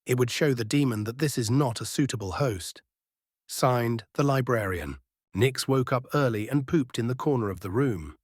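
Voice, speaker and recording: A man's voice: mid-range voice, moderate pace, no echo, clean studio sound. A man reading scripted fantasy narration as a storyteller.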